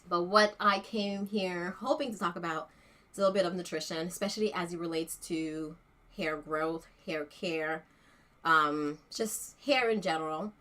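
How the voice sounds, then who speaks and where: A woman's voice: lowish voice, moderate pace, a bit bright. A woman in her thirties hosting a casual livestream chat about hair, playful and chatty, laughing often. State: out of breath from running up stairs.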